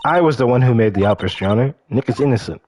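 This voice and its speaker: A man's voice: medium pitch, expressive, fast talker, a little mellow, slight background noise, lightly acted. A man voicing an earnest, loyal young woman who speaks up firmly. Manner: earnest, pleading.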